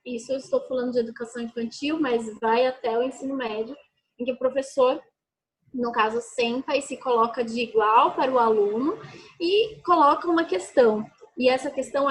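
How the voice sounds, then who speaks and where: Husky-voiced woman explaining education. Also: high-pitched. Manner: explanatory, frequent "né?" tag questions. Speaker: educator guest. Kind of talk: conversational interview answers.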